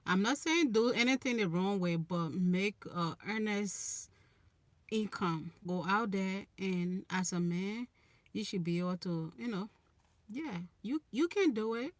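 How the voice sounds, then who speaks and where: On her live stream, a young Liberian woman with a Liberian accent chats casually about relationships and answers viewers. Her medium-pitched voice is expressive and measured, with no room sound, and she gives earnest advice, often restarting phrases.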